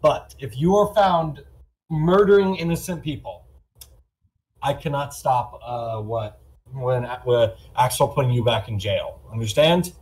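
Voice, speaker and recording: A man playing a blunt, bossy manor owner in a tabletop game, informal and halting but firm. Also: mid-range voice, darkish tone, pitched below the performer's own voice, close to an everyday voice, low-quality recording.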